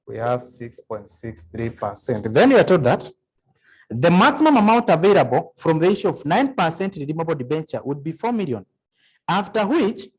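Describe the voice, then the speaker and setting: Speaking on the high side with a breathy edge, this man leads an accounting revision session as tutor, calculating sums out loud and quizzing the class.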